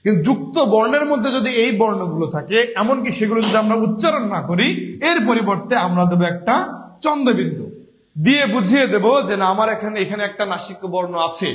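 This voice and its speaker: A man's voice: high-pitched, animated, fast talker, a little hiss or hum. A man giving an online exam-prep lesson, explaining step by step and repeating the key answers. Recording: echoey room with long reverb.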